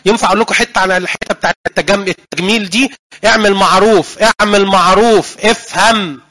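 A man with an Egyptian accent preaching a church sermon, animated and putting questions to the congregation. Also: high voice, quick pace. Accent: Egyptian Arabic.

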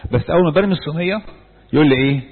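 A man's voice: fairly high pitch, very fast, breathy edge. A man with an Egyptian Arabic accent giving a church talk, questioning his listeners and answering himself. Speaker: church speaker. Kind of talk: sermon-style talk to a group. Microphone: handheld microphone. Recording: echoey hall on a tinny phone-like recording.

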